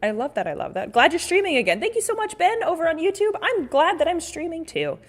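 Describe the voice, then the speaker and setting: Speaking very fast and at an extremely high pitch, a woman hosts a casual livestream with lots of animation. She's an artist who chats playfully with viewers, exclaiming and rambling as she reads comments and reacts, often cutting herself off mid-thought.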